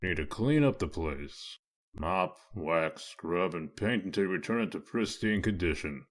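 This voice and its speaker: Man acting deep, gruff, sardonic Bigby Wolf. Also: moderate pace. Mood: brisk, commanding. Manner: sardonic, deadpan, authoritative. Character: gruff, sardonic werewolf lawman, commanding and dry. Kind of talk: dramatic comic-dub voice acting.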